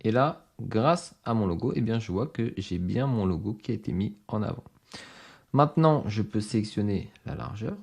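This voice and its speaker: Low gravelly man giving a tutorial. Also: lively intonation, moderate pace, darkish tone, dull audio. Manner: explanatory, step-by-step, addresses viewers directly. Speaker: online course instructor. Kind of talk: screen-recorded software tutorial.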